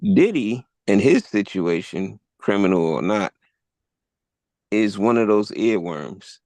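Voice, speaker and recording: Man, podcast host, low voice, gravelly, unhurried, dry close sound. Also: expressive, darkish tone, no echo. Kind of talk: live podcast discussion.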